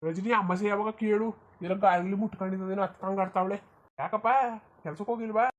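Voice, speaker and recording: Woman doing a gruff old village father-in-law. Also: medium pitch, fairly even intonation, fast talker, natural voice. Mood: grumbling. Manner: gruff, cursing.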